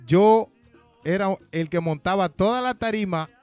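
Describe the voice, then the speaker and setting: A man in his thirties with a Dominican accent, a musician guest telling his story in an animated, casual way in a TV studio. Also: sits high, measured pace, clean tone, no room sound, faint music behind. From Dominican Republic. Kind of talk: casual interview chat. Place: TV studio with green backdrop. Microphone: handheld mic.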